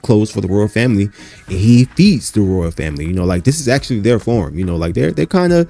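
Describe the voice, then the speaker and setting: Low, mellow-voiced man rambling over gameplay. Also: expressive, fast. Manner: rambling, many fillers and "you know"; talks to the viewers as "you guys". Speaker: gaming channel host. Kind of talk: casual gameplay commentary.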